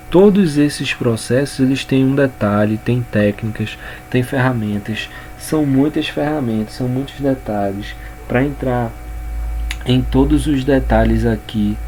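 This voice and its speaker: A man's voice: mid-range voice, dark tone. A man with a Brazilian Portuguese accent and a middle-range voice teaches a casual lesson on communication. He talks unhurriedly, circling back over words and restarting phrases as he goes. Faint noise sits under the recording. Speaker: communication coach. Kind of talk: informal spoken lesson.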